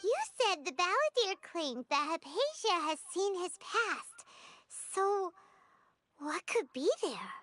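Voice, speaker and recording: A very high, bright childlike girl's voice in a video game, lilting and inquisitive. Her pitch leaps around lively, and she sounds gentle and curious. The voice is crisp and youthful. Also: takes it slowly, heavily acted.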